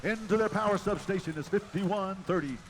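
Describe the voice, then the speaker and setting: A man giving live play-by-play commentary at a robotics competition, energetic and building to shouts at the close. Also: high-pitched, fairly quick, a little hiss or hum. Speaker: match announcer.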